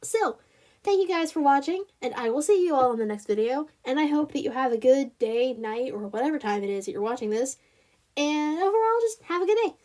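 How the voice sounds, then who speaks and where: A woman with a Southern US accent and a slightly high voice hosts her own review vlog. She talks in a loose, rambling way, full of "like" and "uh" and restarted thoughts. She speaks straight to her viewers in a chatty tone. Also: lively intonation, fairly quick, a little mellow. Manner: rambling, lots of fillers and restarts; chatty, addresses viewers directly. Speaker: channel host.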